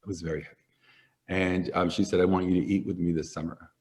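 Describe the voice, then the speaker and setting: A middle-aged man, a hair stylist and formulator, talking in a sit-down interview and telling animated stories with acted-out quotes. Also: sits low, fast talker. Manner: animated storyteller, acts out quoted voices.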